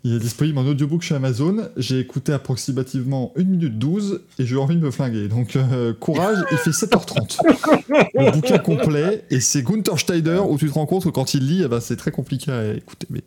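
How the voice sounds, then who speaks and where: A man's voice: mid-range voice, animated, fairly quick, mellow. A man hosting a casual motorsport chat, joking and laughing often, with many restarts. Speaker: podcast host.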